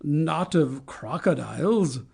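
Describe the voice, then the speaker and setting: A vain, brooding pirate captain, as a woman reads him aloud, slow and theatrical in a storybook. His gravelly voice sits a little high and swoops widely between threats and whimpers. He draws every word out. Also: lively intonation, warm tone, full character voice. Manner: slow, theatrical, swinging from menace to whining.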